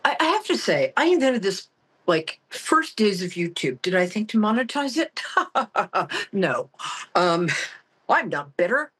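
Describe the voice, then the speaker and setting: A woman hosting a psychic tarot show in a campy, theatrical, self-mocking way, chatting comically and casually with a husky voice. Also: medium pitch, big pitch swings, measured pace, pauses often, fairly bright tone. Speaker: psychic tarot reader and call-in show host. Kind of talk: casual, comic monologue to listeners.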